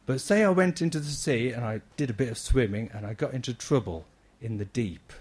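A man giving a lively children's talk in church, acting out his points with big shouts and questions. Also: medium pitch, a little fast, husky. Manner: animated, acts out shouting for help.

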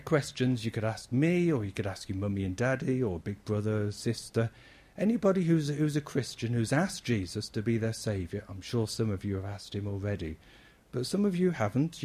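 Man, children's church talk, husky voice, lively up-and-down delivery. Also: mid-range voice, normal speed. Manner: animated, acts out shouting for help.

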